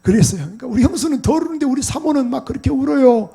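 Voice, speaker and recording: A middle-aged male pastor preaching a sermon, telling a personal story in a quiet voice and then breaking into loud, shouted exhortation. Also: extremely high pitch, expressive, rapid-fire. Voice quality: gravelly, husky voice.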